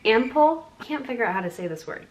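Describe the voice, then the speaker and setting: A woman's voice: a little high, lively intonation, quick pace. A young woman who grew up in Singapore, chatting in a bubbly, gushing way as she unboxes skincare products for her channel. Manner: bubbly, chatty, lots of "like" and "oh my God". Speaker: beauty YouTuber. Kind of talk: sponsored skincare unboxing vlog.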